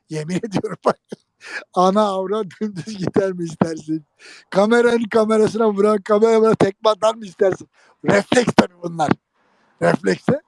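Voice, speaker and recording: Guy with a high gravelly voice, jokey lively storyteller, dry close sound. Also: dry recording. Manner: lively, jokey storytelling, addresses listeners directly. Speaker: guest telling an old prank story. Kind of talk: animated anecdote in an interview.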